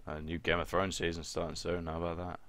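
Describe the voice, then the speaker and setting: A man's voice: deep voice, flat delivery, quick pace, fairly bright tone. A young man co-hosting a casual podcast chat, blunt and swearing freely with dry jokes. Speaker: podcast co-host.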